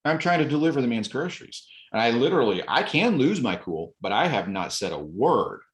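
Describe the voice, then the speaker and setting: A man telling stories in a relaxed podcast chat, acting out quoted exchanges with bursts of energy. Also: medium pitch, fairly quick. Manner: animated retelling, acts out quotes, occasional laughs. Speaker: podcast guest. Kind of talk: casual storytelling.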